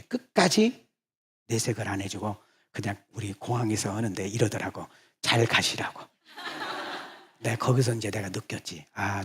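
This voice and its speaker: A man preaching as senior pastor, telling stories and calling out to the congregation in a lively way. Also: fairly low pitch, breathy edge. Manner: animated, calls out to the congregation and acts out quoted lines. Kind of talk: sermon with storytelling. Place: church sanctuary.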